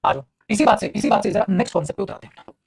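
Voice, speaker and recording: A man teaching English grammar in a lively classroom manner, calling students "beta" and answering his own questions. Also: rapid-fire, creaky. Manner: acts out students' replies in a lower voice.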